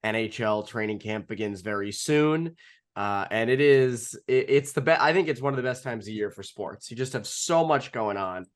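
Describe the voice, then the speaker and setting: A man co-hosts a casual sports podcast with a dry, joking manner. His voice sits at a medium pitch. He fills gaps with "uh" and often restarts his sentences. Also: normal speed. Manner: wry, full of fillers and restarts, dry jokes. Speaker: podcast co-host.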